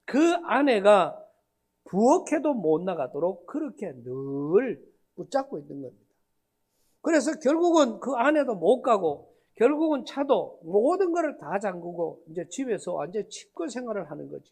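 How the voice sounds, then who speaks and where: Animated Gyeongsang-accented pastor preaching. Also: male voice, high voice, normal speed. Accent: North Gyeongsang Korean. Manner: dramatic, swings between hushed and loud, acts out quoted dialogue. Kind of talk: revival sermon storytelling.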